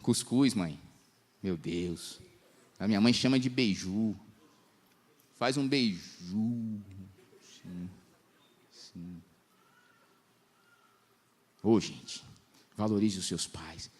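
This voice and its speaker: A young man preaching at a church congress, telling lively stories in slangy talk and acting out the voices he quotes. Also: on the low side, very slow, long pauses. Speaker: pastor. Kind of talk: lively storytelling sermon.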